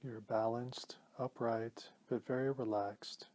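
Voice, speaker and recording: A man with a mid-range voice guides a meditation as a teacher, speaking calmly and gently at a measured pace with pauses.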